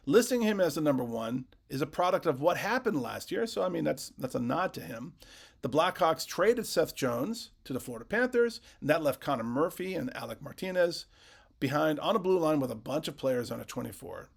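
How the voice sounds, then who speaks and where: A man's voice: fairly high pitch, vocal fry. A man hosting a hockey fan channel, talking casually to his viewers, restarting phrases often and reading out comments.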